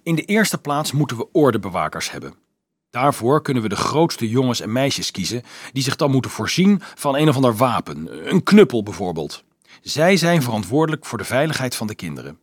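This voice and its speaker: A man's voice: mid-range voice, big pitch swings, a little fast, breathy edge, dry recording. A man voicing a resolute teenage boy leader who lays out plans firmly in an audiobook. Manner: firm, explaining, sometimes angry.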